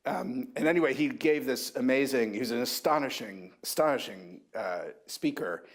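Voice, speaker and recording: A man in his sixties, an author at a university book talk, reminiscing thoughtfully with halting restarts. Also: mid-range voice. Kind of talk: reflective anecdotal talk.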